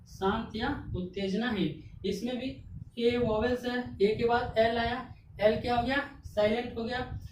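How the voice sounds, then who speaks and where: Here a woman's slightly high voice with a darkish tone delivers a classroom-style English grammar lesson. She spells words letter by letter and supplies answers to her own questions. Faint noise, an echoey room and a distant mic mark the recording.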